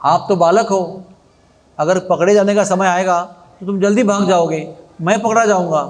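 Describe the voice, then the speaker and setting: A man playing a frail, elderly male devotee who is hard of hearing and speaks loudly and plaintively. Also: sits high, steady tone, moderate pace, natural voice. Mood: fretful.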